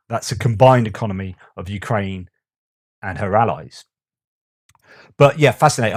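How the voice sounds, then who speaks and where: A man's voice: lowish voice, dry recording. Male news commentator, casual, reads quotes aloud, dry recording. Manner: reads out quotes, asks rhetorical questions.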